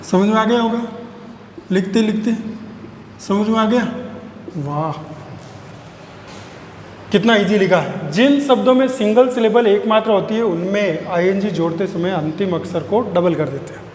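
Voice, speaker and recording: A male teacher giving a classroom grammar lesson, repeating key phrases slowly and spelling words out letter by letter. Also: high voice, darkish tone. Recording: echoey room with long reverb, faint noise.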